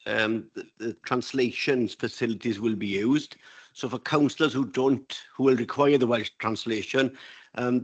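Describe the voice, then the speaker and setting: A man speaking as a council officer, giving informal practical instructions in a halting way to a meeting. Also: mid-range voice, slightly rough. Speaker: council officer explaining procedure.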